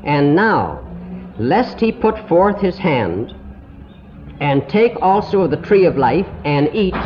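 A man giving a slow, deliberate Bible lesson to a congregation, heard on an old, muffled tape recording. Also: fairly high pitch, background noise. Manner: slow, deliberate, explanatory teaching. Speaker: Bible teacher.

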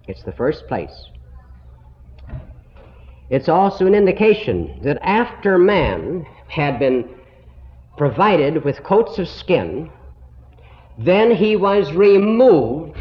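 Man on an old lo-fi tape, slow deliberate Bible teacher, fairly high and animated pitch. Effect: old lo-fi recording. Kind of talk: Bible lesson to a congregation. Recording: dull, muffled old tape recording.

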